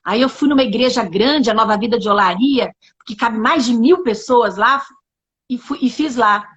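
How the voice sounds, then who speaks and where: A Brazilian woman, a guest in a casual interview, telling her testimony as an animated storyteller who acts out the dialogue. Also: fairly high pitch, normal speed, breathy edge, highs cut off.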